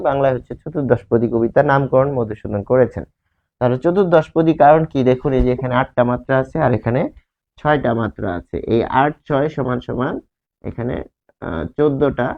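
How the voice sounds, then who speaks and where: A male teacher giving a grammar lesson, repeating key terms slowly and asking and answering his own questions. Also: medium pitch. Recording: tinny, phone-like sound.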